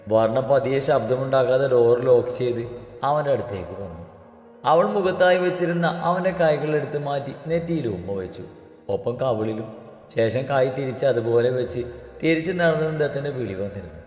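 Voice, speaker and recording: A man's voice: mid-range voice, a little mellow. A man narrating a romantic story as a storyteller, reading steadily and evenly. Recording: echoey room with long reverb, faint music.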